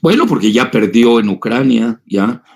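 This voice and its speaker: A man's voice: medium pitch, expressive, moderate pace, gravelly, darkish tone, slightly rough. A man, an older analyst, answering audience questions in a digressive, emphatic lecture style with many filler sounds.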